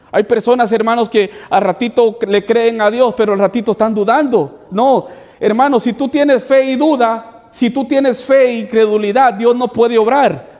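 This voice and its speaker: Male pastor, high pitched, sermon delivery with lots of rhetorical questions, long reverb of a church hall. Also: darkish tone. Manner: preaching with repeated "hermanos" asides and rhetorical questions.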